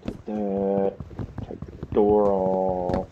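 Speaking very slowly in a low, completely flat voice, a Southern US man rambles to himself while commenting on gameplay for his gaming series. The audio is narrow and tinny, from a clearly noisy home recording with clicks.

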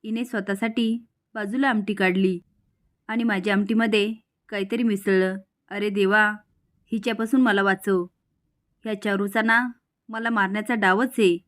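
A woman's voice: medium pitch, fairly even intonation, moderate pace, long pauses, fairly bright tone, lightly acted. A woman voicing a frightened, scheming middle-aged aunt who mutters fretfully in a storybook recap. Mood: panicked.

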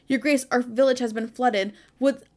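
A woman's voice: fairly high pitch, steady tone, moderate pace, darkish tone, pitched above the performer's own voice, lightly acted. A woman voicing a desperate villager from a video game, pleading earnestly and formally for aid. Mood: anxious. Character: desperate villager begging the king for flood relief. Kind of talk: reading game dialogue aloud.

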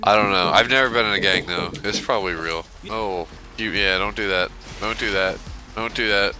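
A man joking and reacting loudly while he and a friend play a video game together. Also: on the low side, moderate pace, soft background music. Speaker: gamer. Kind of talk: casual co-op gameplay commentary.

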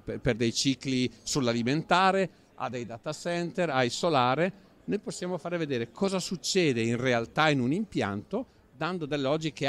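A man guiding visitors through a factory automation demo at an indoor trade fair stand, explaining as he goes with fillers and restarts. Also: mid-range voice. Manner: explanatory tour-guide talk with fillers. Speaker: company representative guide.

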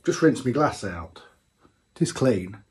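This casual tasting vlog features a man with a mid-range, sing-song voice who speaks at a measured pace. He samples a homebrewed beer in his small home brewing room, thinking out loud and leaning on lots of fillers.

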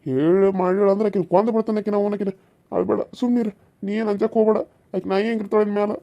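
A man's voice: high voice, steady tone, fast, vocal fry, dull audio. A man voicing a menacing, cruel husband in a cartoon serial, speaking. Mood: coaxing. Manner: snarling threats, then softly coaxing to his lover. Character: menacing cruel husband, threatens his pregnant wife.

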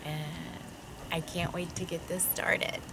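A middle-aged woman vlogging from a sailboat deck, slow, hesitant and heartfelt. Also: on the low side, little pitch movement, heavy background noise. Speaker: sailing vlogger. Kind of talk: casual reflective chat. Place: sailboat deck at night, outdoors.

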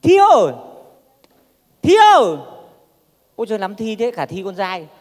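A man playing a cocky young man looking for an online date, chatting to the audience and calling out loudly. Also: high voice, quick pace, natural voice. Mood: chatty. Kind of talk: stage comedy monologue.

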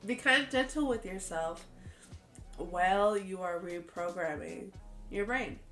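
Sitting indoors in a bedroom strung with hanging lights, a slightly stuffy woman of about 28 chats openly to camera for her vlog. She speaks slowly in a mid-range voice, earnest and expressive and laughing often, while the reverberant audio carries soft background music.

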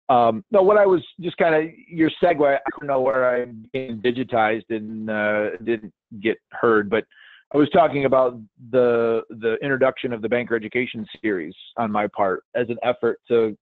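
A man's voice: mid-range voice, dry recording. A man co-hosting a webinar over an online call, chatting casually and rambling with fillers and restarts. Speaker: podcast host and webinar co-presenter. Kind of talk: casual conversational webinar talk. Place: at a conference, joining remotely. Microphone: online call audio. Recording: tinny call-line audio, dry.

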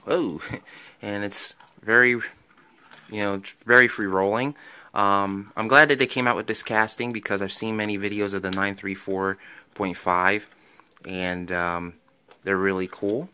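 A man's voice: lowish voice, steady tone, measured pace, pushed and bright, clear, resonant tone. A man casually showing off his toy car finds in a vlog, rambling and enthusiastic, with many ums and restarts. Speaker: toy car collector vlogger. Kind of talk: casual show-and-tell vlog.

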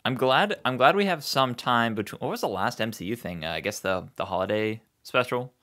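A man's voice: mid-range voice, expressive, fairly quick, bright, forceful tone. A young man co-hosting a podcast, laid-back and joking in casual chat. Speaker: podcast co-host.

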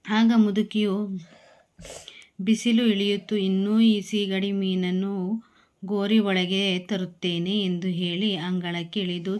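A woman teacher reading a children's story aloud slowly and then explaining it to young pupils. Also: mid-range voice, darkish tone. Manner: slow, clear storybook reading with repeated calls.

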